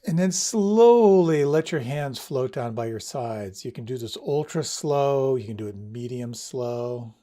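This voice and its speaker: A man leading a guided meditation, giving slow, soft, soothing instructions. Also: medium pitch, animated.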